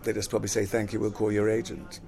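An older man who grew up in London after being born in Jamaica, an actor and singer reminiscing in a relaxed interview, rambling and repeating words, often laughing. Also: on the low side, fast talker, vocal fry.

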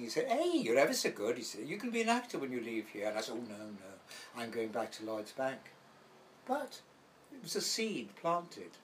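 Slight background noise sits under a mid-range, slightly bright male voice. He is an older Welsh actor with a light accent, a guest in an interview who wanders through anecdotes from his past and voices the characters he quotes.

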